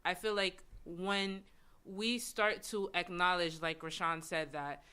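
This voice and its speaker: A woman's voice: lowish voice, fairly even intonation, slow pace, sharp tone, clear, resonant tone. A woman from Nigeria who speaks earnestly and persuasively as a guest on a panel discussion. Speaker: events and marketing manager, panel guest.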